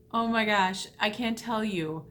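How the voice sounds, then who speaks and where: A woman vlogging in a casual, rambling way, retelling a mishap with animated, self-deprecating asides. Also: fairly high pitch, slight background noise. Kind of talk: casual storytelling vlog.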